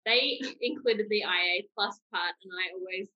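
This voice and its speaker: A young adult woman with a New Zealand accent, a university student hosting a podcast, chats informally and pokes fun at herself. Her medium-pitched voice moves at a moderate pace, and the audio sounds dull.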